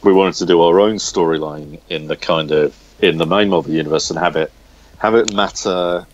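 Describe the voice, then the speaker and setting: A comic writer with a very low voice speaks casually in an interview, halting and repeating words as he goes. Recorded on a smartphone, the sound is dull and lo-fi.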